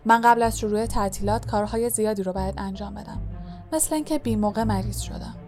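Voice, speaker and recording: A woman reading the part of a gentle, weary middle-aged male teacher, calm and earnest, in an audiobook. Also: medium pitch, soft background music, lightly acted. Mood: hesitant. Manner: calm, earnest, comforting explanation.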